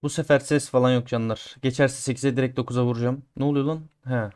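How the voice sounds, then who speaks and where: A man's voice: medium pitch, steady tone, quick pace, clean tone. Chatty male gaming streamer. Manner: chatty, talks to viewers as he plays; swings between grumbling and loud cheering. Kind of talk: casual gameplay commentary.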